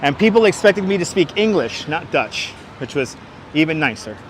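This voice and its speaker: A man's voice: fairly high pitch, very animated, normal speed. A man with a thick Brooklyn accent chatting casually to viewers as he hosts a live walking tour outdoors in the city. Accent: thick Brooklyn, New York. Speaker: livestream walking tour host. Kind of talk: casual live-stream chat and street commentary. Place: outdoors on busy Manhattan streets, walking. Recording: clear city traffic noise outdoors. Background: street ambience and vehicles.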